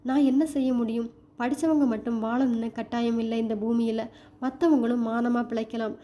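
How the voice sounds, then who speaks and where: A woman's voice: fairly high pitch, steady tone, normal speed, warm tone, lo-fi sound, lightly acted. A woman voicing a firm, caring mother. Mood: coaxing. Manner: firm, coaxing.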